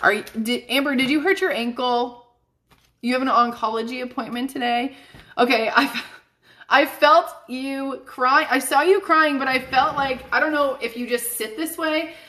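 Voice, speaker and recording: Bright-voiced chatty woman. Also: high-pitched, moderate pace. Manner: chatty and emphatic, addresses viewers as guys. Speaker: psychic medium doing live readings. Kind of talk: casual live-stream talk.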